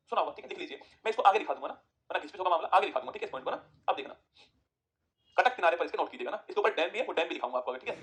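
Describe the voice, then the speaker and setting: A man teaching an exam-prep geography lesson, firing quick questions at students and answering them himself. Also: sits high, a bit bright.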